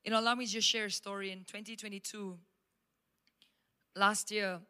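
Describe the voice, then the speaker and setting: This is sermon storytelling from a woman pastor with a Malaysian English accent, whose clear, resonant voice sits at medium pitch and moves at a normal speed. She preaches emphatically and animatedly at a church service over faint instrumental worship music.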